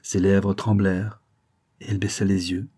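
A man narrating a literary story aloud in a measured, even manner. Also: sits low, breathy edge. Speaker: audiobook narrator. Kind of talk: scripted narration.

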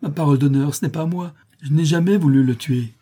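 A man's voice: brisk, breathy edge, lightly acted. A man voicing a frightened drunk man who pleads in a raised, tearful voice. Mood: sobbing pleading. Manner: high, loud pleading.

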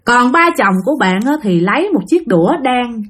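A woman with a Southern Vietnamese accent telling a spooky story, talking straight to her listeners in an animated way. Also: fairly high pitch, normal speed, breathy edge. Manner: addresses listeners directly, animated retelling. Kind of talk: spoken ghost story narration.

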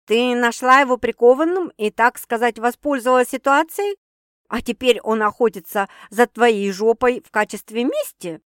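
A woman's voice: fairly high pitch, sing-song, moderate pace, no echo, studio quality. A woman reading an audiobook voices Sveta, a brash young woman who teases her sister with bawdy, mocking jokes. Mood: teasing.

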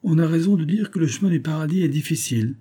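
A man reading the part of a boastful, chatty customs captain in his mid-thirties, full of flattery. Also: a little high, quick pace, slightly rough, pitched above the performer's own voice. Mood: gallant. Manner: swaggering, flattering.

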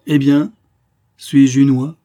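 A man playing a proud, triumphant young noblewoman from a storybook. Her lines ring out higher and louder than the narration, with a husky edge. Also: normal speed, close to an everyday voice.

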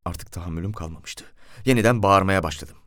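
A man's voice: deep voice, brisk, a bit bright, no room sound, clean studio sound. A man reading a first-person novel aloud as an audiobook, telling the story expressively. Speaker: audiobook reader.

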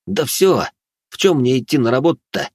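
A man's voice: mid-range voice, sing-song, moderate pace, a little mellow, no room sound, clean studio sound, pitched above the performer's own voice. A man doing a grumbling tired young guy.

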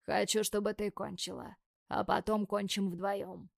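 A woman putting on a husky, cocky young man. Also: level tone, no echo, studio quality. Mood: teasing murmur. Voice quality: husky, low. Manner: slow, murmured, cocky. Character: bold, teasing young man, a lover.

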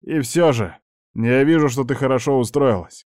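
A man reading an audiobook, voicing a sly middle-aged uncle who talks in a slow, drawn-out, mocking way. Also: mid-range voice, darkish tone, dry recording, studio quality, pitched above the performer's own voice, natural voice. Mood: pleading. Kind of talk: audiobook character voice.

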